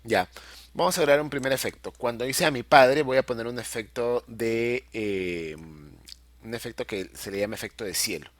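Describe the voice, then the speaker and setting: Middle-aged male teacher, mid-pitched voice, patient step-by-step explainer, keeps checking in with the class. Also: moderate pace, no room sound. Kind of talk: screen-recorded software tutorial.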